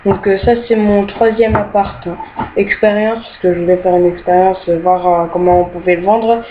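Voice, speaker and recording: Her mid-range voice, fairly even in intonation and moderate in pace, comes through a dull lo-fi home mic with faint hiss. The young woman casually shows off her rooms in an online game during a screen recording, hesitating often and quickly irritated by glitches.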